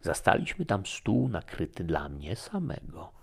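A man narrating a classic novel in a measured, formal reading style. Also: sits low, sing-song, vocal fry, breathy edge. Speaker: audiobook narrator. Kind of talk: scripted narration.

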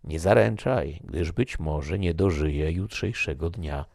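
A man's voice: deep voice, creaky, a little mellow, no echo, clean studio sound, full character voice. A man doing a grave fatalistic soldier. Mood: solemn. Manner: slow, solemn, measured. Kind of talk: audiobook character reading.

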